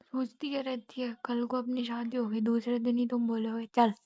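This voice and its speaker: This young woman's voice is a little high and dark-toned, with a flat delivery at a moderate pace. As a girlfriend, she chats casually and intimately with her partner over the phone, teasing and questioning. The recording is dry, muffled, and lo-fi.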